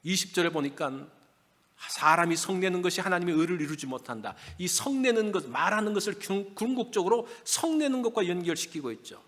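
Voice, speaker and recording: A man's voice: high voice, animated, fairly quick, fairly bright tone. A male pastor preaching a Sunday sermon in a church, conversational and asking his listeners questions. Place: church sanctuary. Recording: long reverb of a church hall.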